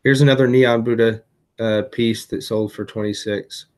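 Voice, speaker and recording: A man's voice: medium pitch, fairly even intonation, moderate pace, a little mellow. A tired man hosting a casual vlog, chatting through items he resold, with lots of fillers and restarts. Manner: chatty, many fillers and self-corrections. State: tired, hiccuping late at night. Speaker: eBay reseller vlogger.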